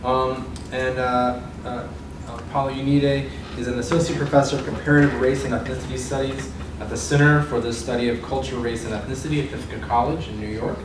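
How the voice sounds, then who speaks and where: A man introduces a guest speaker, reading haltingly with frequent ums and uhs. He sounds far from the mic in a roomy, echoing space with clear noise. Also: medium pitch, level tone. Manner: hesitant, many ums and uhs. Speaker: series host introducing a speaker. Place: lecture room. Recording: echoey room from far off.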